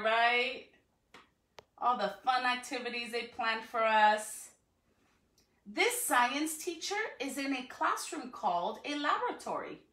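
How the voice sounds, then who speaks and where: A woman with a high-sitting, sharp voice reads aloud to children on a livestream, speaking as their school educator and encouraging them with questions. She's indoors in her living room, and the phone or camera a few feet away gives an echoey, distant recording.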